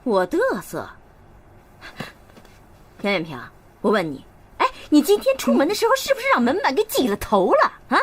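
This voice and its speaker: An actress playing a sharp-tongued middle-aged mother who nags and scolds her family, in a TV drama. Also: lowish voice, very animated, slow pace, pauses often. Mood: complaining. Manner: nagging, scolding, sarcastic. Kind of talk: TV drama acting.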